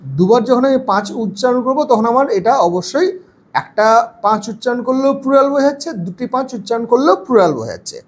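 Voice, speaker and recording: Guy teaching english grammar, slow careful reading then explaining. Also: extremely high pitch, lively intonation. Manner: reads English sentences slowly, then translates and explains.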